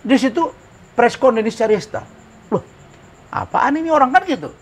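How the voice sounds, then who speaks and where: A man's voice: extremely high pitch, expressive, normal speed. A man, a lawyer appearing as a talk show guest, telling a story in an emphatic, dramatic way and acting out the exchanges. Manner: emphatic, dramatic retelling with bursts of loudness.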